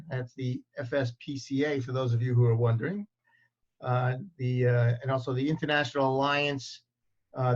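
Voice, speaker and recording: A man hosting an online meeting, introducing the speaker with frequent fillers. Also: mid-range voice. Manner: reads the bio with many fillers. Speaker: meeting host. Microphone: video call. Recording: dull lo-fi video call audio.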